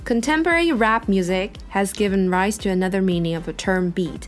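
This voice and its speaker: A woman with a Taiwanese Mandarin accent explaining music vocabulary in a patient lesson, repeating English terms slowly. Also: mid-range voice.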